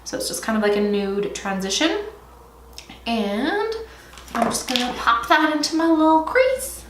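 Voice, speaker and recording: Young female beauty vlogger, casual and playful, slightly stuffy; mid-high voice, roomy echo. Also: sing-song, unhurried. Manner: chatty, swears playfully, sudden squealing outbursts. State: stuffy from allergies. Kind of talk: casual makeup tutorial chat. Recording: echoey room, faint noise.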